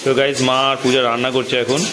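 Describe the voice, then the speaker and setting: A man's voice: medium pitch, flat delivery, fast. A man narrating a casual family vlog to his viewers, chatty and friendly with the children around him, filmed on a phone at home. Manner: chatty, addresses viewers as guys, coos at children. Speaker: vlogger. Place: outdoors on a rooftop and around a home. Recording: noisy home phone recording.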